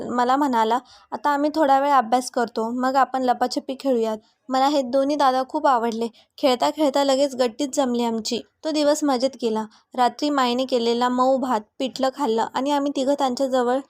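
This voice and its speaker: High-voiced woman telling a story. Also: a little mellow, no echo, clean studio sound. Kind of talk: scripted story narration.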